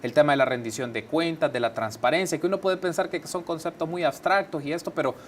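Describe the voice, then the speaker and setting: A man's voice: a little high, fast, slight background noise. A male TV host, asking long, winding questions. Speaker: TV interview host. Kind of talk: TV interview questions.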